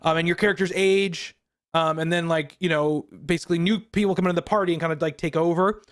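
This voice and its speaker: Higher-voiced man rambling on a podcast. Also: fairly even intonation, fast. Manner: rambling, with frequent ums and restarts. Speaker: podcast co-host. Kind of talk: casual chat.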